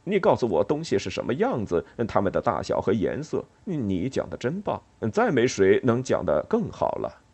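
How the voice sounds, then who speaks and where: A man voicing a blind old male mole with a low, chuckling, good-humoured manner in a storybook reading. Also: wildly swooping pitch, moderate pace, hardly any pauses, darkish tone, breathy edge, exaggerated voice. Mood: fond.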